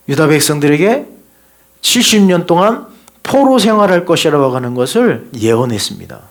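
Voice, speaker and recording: A man preaching a sermon as pastor in a live church service, earnestly exhorting his listeners and asking rhetorical questions. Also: fairly high pitch.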